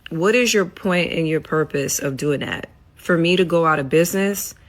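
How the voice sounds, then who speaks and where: A woman giving argumentative social media commentary in a deliberate way, posing rhetorical questions. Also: low voice. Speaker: business owner.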